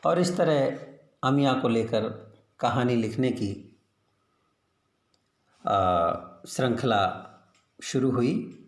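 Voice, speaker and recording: A man reading aloud his own children's story in an unhurried, expressive way, recorded with a roomy echo. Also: medium pitch.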